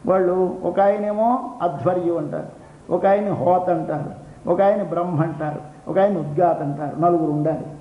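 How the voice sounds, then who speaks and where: A man's voice: high voice, moderate pace. An older man giving a devotional discourse, explaining a hymn line by line, repeating phrases and chanting verses. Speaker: religious discourse speaker. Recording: roomy, dull lo-fi recording with faint noise.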